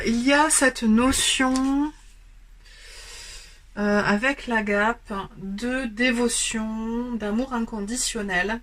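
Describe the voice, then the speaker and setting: A woman giving a spoken tarot card reading. She explains gently and pauses often, filling the gaps with hesitant fillers. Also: on the high side. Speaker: tarot and oracle card reader. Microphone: camera on a stand.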